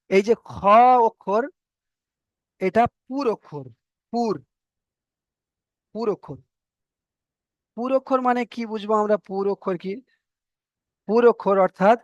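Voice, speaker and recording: High-voiced patient male teacher. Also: dry recording. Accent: Bengali. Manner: patient, repeats letter names and drawn-out sounds. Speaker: Quran reading teacher. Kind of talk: explanatory online lesson.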